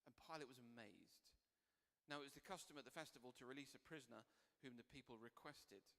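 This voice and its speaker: A man's voice: medium pitch, fairly quick, vocal fry, bright, forceful tone. Man preaching in a reverberant hall. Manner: conversational storytelling with casual fillers. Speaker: pastor. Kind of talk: sermon. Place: church. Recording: long reverb of a church hall.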